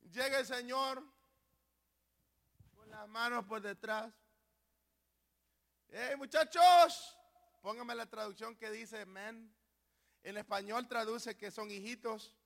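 A male pastor preaching a sermon, speaking emphatically, now and then shouting key lines and urging the congregation to respond. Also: sits high, fairly even intonation, measured pace, gravelly, pauses often. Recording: long hall reverb.

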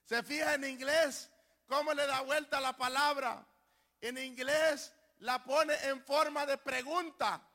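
A male pastor preaching a sermon, speaking emphatically, now and then shouting key lines and urging the congregation to respond. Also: very high-pitched, steady tone, slow pace. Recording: long hall reverb.

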